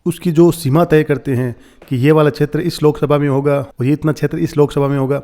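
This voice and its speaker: A man with a mellow, slightly high voice teaches English from a newspaper. He explains in Hindi and reads each English phrase slowly and deliberately. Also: steady tone.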